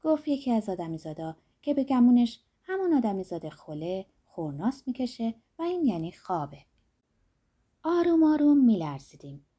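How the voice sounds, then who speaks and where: A woman narrating a fairy tale in a soft, dreamy way, her sentences trailing off quietly. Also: fairly high pitch, slightly rough. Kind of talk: storytelling narration.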